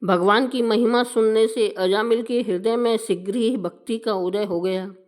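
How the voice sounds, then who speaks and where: A woman narrating a devotional scripture story in a slow, measured recitation. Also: mid-range voice, darkish tone. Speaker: religious storyteller.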